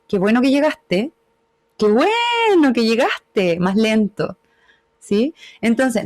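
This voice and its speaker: A woman with a fairly high, darkish voice gives an online lecture on communication over a video call. As a webinar speaker, she explains patiently and often checks in with short tag questions.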